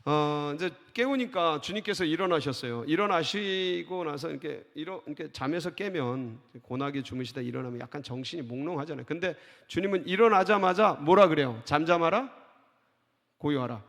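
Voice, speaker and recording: A man preaching in a church, his voice a little high and gravelly, with a long reverb from the sanctuary around him. He is an animated pastor, and he sometimes breaks into loud, climbing cries as he acts out a scene. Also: fairly quick, hardly any pauses. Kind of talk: sermon.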